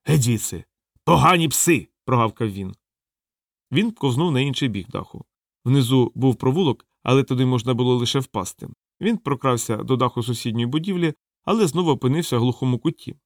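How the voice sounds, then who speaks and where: A man reading an audiobook in measured storytelling narration. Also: mid-range voice, expressive, no room sound, studio quality.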